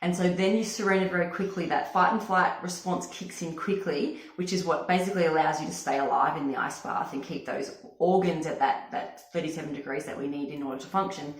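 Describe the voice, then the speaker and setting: A woman's voice: low-pitched, brisk, hardly any pauses. A woman talking casually and effusively as a wellness coach, giving an informal personal testimonial. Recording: echoey room.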